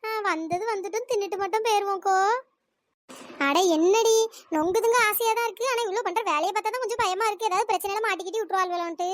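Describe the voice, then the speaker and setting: Voiced as shrill greedy cartoon village women. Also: female voice, fast, dry recording, studio quality. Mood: worried. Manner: nagging, teasing, shrill calls. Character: bickering, greedy village women after palm fruit. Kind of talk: cartoon voice acting.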